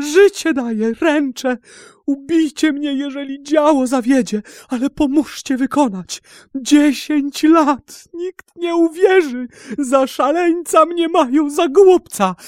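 A shrill frantic cannon-maker. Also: male voice, dry recording, clean studio sound. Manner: shrill, pleading, shouting. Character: frantic desperate male cannon-maker pleading. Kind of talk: audiobook reading.

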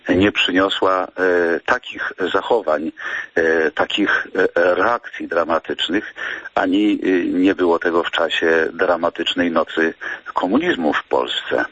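Low-voiced priest type doing a slow thoughtful radio talk, lots of ums, dry muffled sound. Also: male voice, a bit bright, no room sound. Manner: measured, halting with frequent pauses and fillers.

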